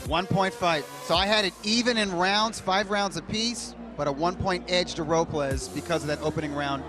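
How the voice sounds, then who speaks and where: A man's voice: high-pitched, moderate pace, music in the background. A man giving live sports analysis as a boxing commentator.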